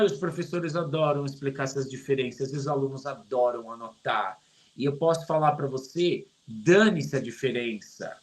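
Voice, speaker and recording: A middle-aged man with a Brazilian Portuguese accent gives a casual online English lesson. He keeps it lively and joking. He slows right down on English words to show how they are pronounced. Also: on the high side, low-quality recording. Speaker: English teacher.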